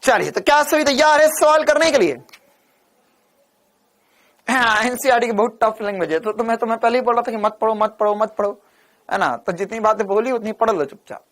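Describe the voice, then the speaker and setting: Playful, energetic male physics teacher. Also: high voice, fairly quick. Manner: energetic, playful, teases and answers his own questions. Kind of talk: online exam-prep lecture.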